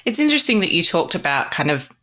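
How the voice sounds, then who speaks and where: A woman's voice: lowish voice, big pitch swings, fast, pushed and bright. A woman with an Australian accent hosting a podcast interview, asking questions in a friendly, conversational way. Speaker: podcast host.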